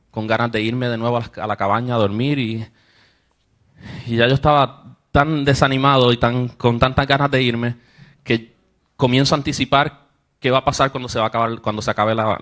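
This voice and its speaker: A man's voice: medium pitch, fairly bright tone. A young man preaching to a congregation, telling a personal story and acting out the voices of the people in it. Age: young adult. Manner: storytelling, acts out quoted voices, rises with emotion. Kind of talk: sermon testimony to a congregation.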